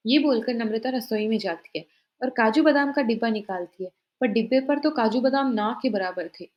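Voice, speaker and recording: Woman storyteller, scripted narration, fairly high voice, dull lo-fi audio. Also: brisk.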